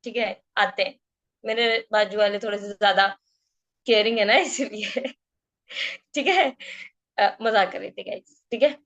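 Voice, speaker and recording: A woman's voice: medium pitch, measured pace, long pauses, fairly bright tone, lo-fi sound. A woman leading an online training meeting, addressing her team casually and swinging her tone up and down on purpose. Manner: addresses listeners casually as guys. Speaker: network marketing trainer. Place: home at night, neighbors nearby. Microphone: online meeting call.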